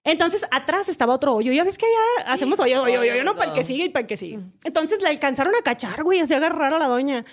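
A Mexican woman hosting a podcast, telling a story in casual chat, animated and swearing freely as she acts out quotes. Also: high-pitched, fast, hardly any pauses. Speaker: podcast host.

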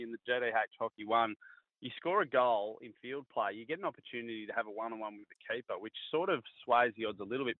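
A man's voice: medium pitch, no echo. A man with an Australian accent chatting casually about sport as a pundit, in a blokey, laid-back, matey way full of slang. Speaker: sports pundit and former player. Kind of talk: casual radio sports chat. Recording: tinny phone line.

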